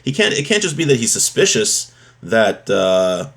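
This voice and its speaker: A man with a lowish, sing-song voice and some vocal fry gives a daily religious class at a moderate pace. He reads from a text and explains it, repeating and rephrasing his points as he goes.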